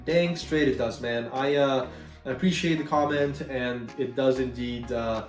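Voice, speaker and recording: A young gaming YouTuber from Ukraine answers viewer questions in a relaxed, chatty way packed with fillers. He speaks with a Canadian accent carrying a slight Slavic tinge, in a medium-pitched voice that's a little slow. The recording is roomy and echoey, a bit far from the mic, with faint music.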